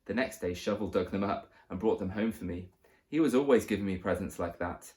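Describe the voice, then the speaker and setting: Man, storybook narrator, lively expressive reading, somewhat low voice. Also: brisk.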